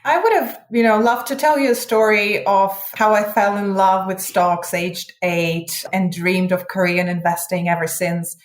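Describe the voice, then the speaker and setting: A woman's voice: mid-range voice, steady tone, measured pace, few pauses, slight background noise. Woman in her 30s from russia, upbeat interview guest, chatty, echoey room. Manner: articulate and upbeat, with occasional fillers. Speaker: guest, hedge fund head of research. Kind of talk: conversational interview answers. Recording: roomy echo.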